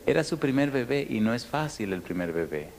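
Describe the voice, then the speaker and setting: A man preaching a storytelling sermon to a congregation, animated, acting out the people in his story and dropping to a near whisper for his closing appeal. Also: mid-range voice, brisk. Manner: animated, acts out dialogue, drops to near whisper. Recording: echoey hall, faint background noise.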